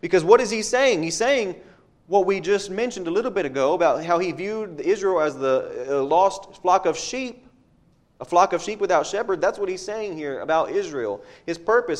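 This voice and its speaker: A man's voice: high voice, lively intonation, normal speed. A man preaching a sermon, reading scripture aloud and stopping to ask his listeners rhetorical questions, often repeating a word as he goes.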